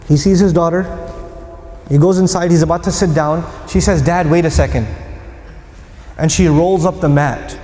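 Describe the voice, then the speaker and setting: Animated high-voiced man lecturing in a hall. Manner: animated, emphatic, acting out quotes. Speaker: Islamic lecturer. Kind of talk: Qur'an lecture with storytelling. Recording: echoey hall, faint noise.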